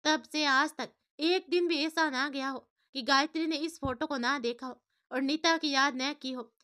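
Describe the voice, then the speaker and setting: A woman voicing an elderly grandmother who softly recalls the past. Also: high-pitched, fairly even intonation, unhurried. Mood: wistful. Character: gentle old grandmother telling the past.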